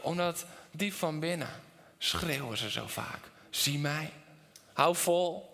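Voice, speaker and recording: A middle-aged male pastor preaching a sermon to his congregation, telling a personal story, asking them questions, and moving between loud, animated passages and quiet, intense ones. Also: on the high side, takes it slowly. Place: church hall with congregation. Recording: long hall reverb.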